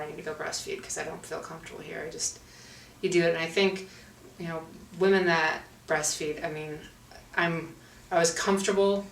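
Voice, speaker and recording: Casual low-voiced woman, echoey room. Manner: chatty, relaxed, lots of fillers like "like" and "um". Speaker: interviewee. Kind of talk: casual interview talk. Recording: echoey room from a distance, faint noise.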